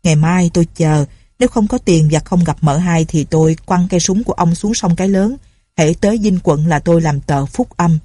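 Brief: fawning, sly sergeant, voiced by a woman, warm husky tone. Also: lowish voice, a little fast, dry recording, studio quality, close to an everyday voice. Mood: eager. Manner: eager, fawning. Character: greedy male police sergeant, eager and sly.

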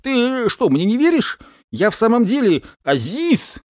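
A man voicing a frantic bearded man who claims to be a terrorist, shouting and boasting wildly. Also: sing-song, measured pace, dry recording, clean studio sound, exaggerated voice. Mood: indignant. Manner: shrill shouting, wild and boastful. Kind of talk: audiobook character voice.

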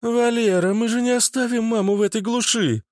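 A man's voice: very high-pitched, steady tone, a little fast, a little mellow, dry recording, clean studio sound, voice pushed up. A man voicing a flustered young mother in an audiobook, wailing plaintively.

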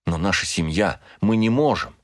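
A man's voice: deep voice, expressive, normal speed, no echo, studio quality. A man voicing a grief-stricken middle-aged father who pleads with his son, emotional and rising to anguished cries, read as an audiobook character. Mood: pleading.

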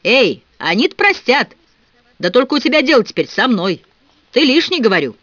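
Male reader plays a rude brawler: coarse, taunting, lively delivery, flat dry audiobook tone. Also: very high voice, moderate pace, no room sound, muffled recording, pitched above the performer's own voice, exaggerated voice. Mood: threatening. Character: rude brawling young male boxer, bullying.

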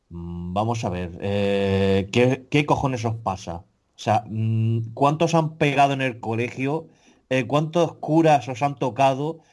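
A man co-hosting a podcast, lets loose a profane, exasperated rant. He keeps tripping over his words and restarting, his voice sitting at an ordinary mid pitch. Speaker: podcast co-host. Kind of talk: casual ranting chat.

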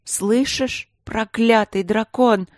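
A woman's voice: lowish voice, fairly even intonation, unhurried, a little mellow, no echo. Woman voicing a young princess, fiery, impassioned, proud, dry voice. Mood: furious. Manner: pleading, impassioned.

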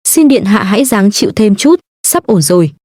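Storybook role: woman reading a gentle, composed young nobleman, soft and soothing. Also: medium pitch, very animated, normal speed, no echo, studio quality.

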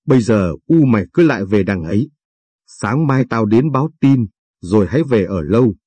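A man reading the lines of a poor grieving peasant father in a radio story, quiet and plain-spoken. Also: lowish voice, expressive, moderate pace, slightly rough, no echo. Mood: hushed urging.

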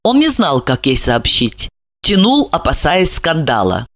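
A woman reading a novel aloud as the audiobook narrator, in an expressive storytelling manner. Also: low voice, unhurried, dry recording, clean studio sound. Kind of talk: scripted narration.

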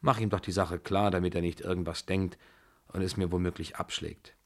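A man voicing a weary, imperious old grandmother who speaks slowly and heavily. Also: sits low, flat delivery. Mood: tired, imperious.

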